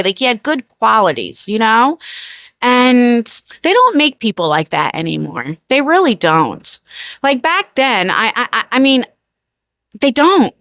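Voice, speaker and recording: A woman's voice: fairly high pitch, fairly bright tone, no room sound, studio quality. An American woman telling a personal story as a casual storytime vlogger, chatty and emphatic, repeating phrases and checking in with the listener.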